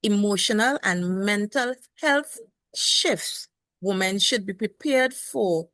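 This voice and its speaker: A woman's voice: mid-range voice, expressive, slow, a bit bright, no echo. A woman nurse hosting a health show, formally introducing her guest and asking broad questions. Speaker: podcast host and nurse.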